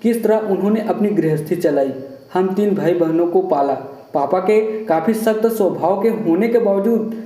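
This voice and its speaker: A man's voice: sits high, moderate pace, mellow, close to an everyday voice. A man voicing an irritable young husband who scolds in a harsh tone. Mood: contemptuous. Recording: roomy echo.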